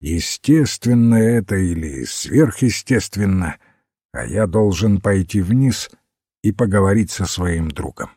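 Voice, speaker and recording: A man's voice: deep voice, expressive, unhurried, mellow, husky, dry recording, clean studio sound, heavily acted. A man voicing a blunt, emphatic detective in a storybook reading. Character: bold former-thief male detective, blunt.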